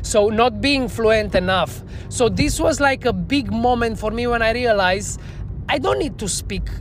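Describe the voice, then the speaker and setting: A bar trainer appearing as a podcast guest tells a candid story about herself in English, her native Romanian coming through in her accent and non-native phrasing. She sounds earnest and self-reflective, with a fairly high, unhurried voice and slight background noise.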